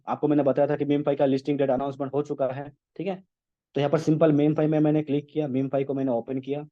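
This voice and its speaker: A man's voice: medium pitch, dull audio. A man presenting a casual tutorial to an online meeting, who explains step by step and keeps checking in with his listeners. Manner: explanatory, checks in often with "okay?" and "right?". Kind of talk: casual screen-share tutorial. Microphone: online meeting call audio.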